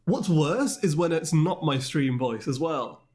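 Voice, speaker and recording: A man's voice: fairly high pitch, lively intonation, measured pace, a little mellow. A male streamer in casual livestream chat with his viewers, rambling and self-deprecating as he answers the chat.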